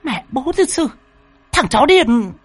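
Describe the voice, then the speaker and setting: A man voicing a foul-mouthed young street woman who screeches insults in rapid bursts. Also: very high-pitched, big pitch swings, fairly bright tone, slightly rough, no room sound, voice pushed up, exaggerated voice. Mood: cursing. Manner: screeching, cursing rapid-fire.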